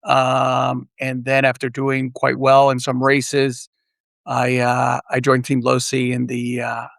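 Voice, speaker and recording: Gravelly, even-toned middle-aged man. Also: medium pitch, no echo. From Puerto Rico. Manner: measured, frequent "uh" pauses. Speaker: podcast guest, RC racer. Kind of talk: casual interview chat. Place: remote, virtual studio.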